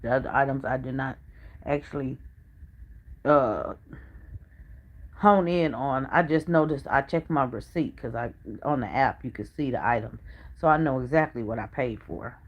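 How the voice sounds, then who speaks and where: A woman's voice: very deep voice, moderate pace, lo-fi sound. A middle-aged woman, a family vlogger, telling a personal story to her viewers in a chatty, earnest way. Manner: chatty and earnest, drops to a hush when retelling what others said.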